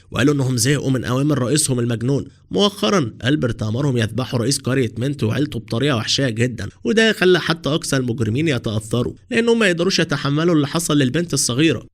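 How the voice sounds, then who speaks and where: A man with an Egyptian accent reads out a scripted anime recap at a breakneck pace. His voice sits at an ordinary middle pitch, and he keeps talking without pausing between events. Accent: Egyptian Arabic. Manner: rapid, continuous retelling with no pauses. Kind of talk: scripted narration.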